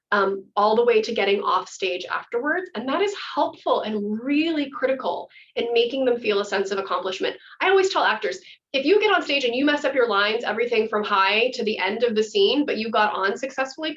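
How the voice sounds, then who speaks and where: A woman theater instructor leading an interactive workshop, calm and guiding, slowing down for visualization. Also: fairly high pitch. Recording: muffled audio from far off.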